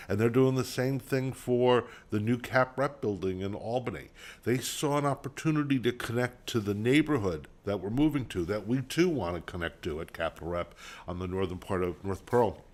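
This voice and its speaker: A man telling a story in an interview testimonial, deliberate, acting out what others said as quotes. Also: fairly low pitch. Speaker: theater executive.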